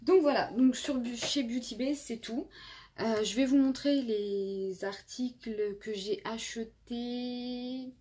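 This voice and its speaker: A woman's voice: fairly high pitch, fairly even intonation, slow pace, darkish tone. A woman in her twenties casually reviewing makeup palettes as a beauty vlogger, chatty with many fillers and restarts, filmed on a phone indoors. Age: 20s. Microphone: phone camera.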